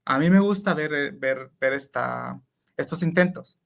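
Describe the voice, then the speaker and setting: A man's voice: medium pitch, unhurried, gravelly. A man with a Honduran Spanish accent, an acting teacher explaining his craft reflectively as an interview guest, often restarting his sentences. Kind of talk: conversational explanation.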